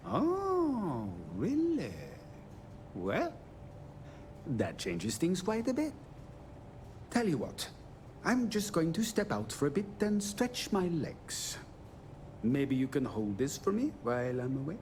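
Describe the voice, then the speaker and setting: A man's voice: a little high, huge pitch swings, slow pace, pauses often, darkish tone, slight background noise, full character voice. An actor voicing a polite, hesitant, chatty and bribable male starship engineer in a video game. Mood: intrigued, sly. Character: fussy, bribable male starship engineer guarding a restricted area.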